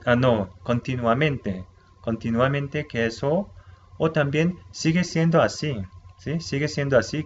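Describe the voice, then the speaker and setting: Guy teaching vocab, repeats everything, keeps asking "right?", kinda dull lo-fi audio. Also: mid-range voice. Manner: patient, repeats words slowly, checks in with "¿sí?". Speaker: Korean language teacher. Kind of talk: explaining vocabulary to a video audience. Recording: slightly dull sound with faint noise.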